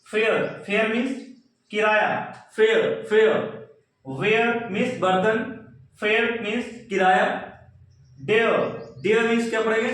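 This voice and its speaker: A man's voice: high voice, fairly bright tone. A male English pronunciation teacher with an Indian accent, drilling words and repeating questions and answers to his students. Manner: repetitive call-and-response drilling, asks and answers himself. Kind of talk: classroom-style pronunciation lesson. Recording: very echoey room, voice from a distance.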